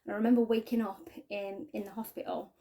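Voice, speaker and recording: A woman giving a halting, earnest personal testimony to camera, often trailing off quietly. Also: mid-range voice, little pitch movement, a crowd in the background. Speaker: spiking victim sharing her story.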